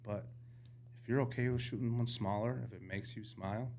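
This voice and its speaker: A man, an outdoorsman from the United States, telling hunting stories as a podcast guest in casual, animated chat. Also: lowish voice, a little fast, a little hiss or hum. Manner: animated storyteller, jumps into quoted voices.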